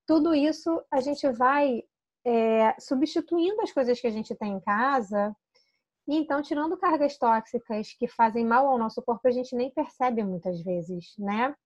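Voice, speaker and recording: A Brazilian woman with a somewhat high, darkish voice takes her time teaching essential oil product use in a casual talk to camera. She speaks with a Brazilian Portuguese accent, chatty and persuasive, often restarting sentences and adding tag questions; the recording is muffled, with no echo.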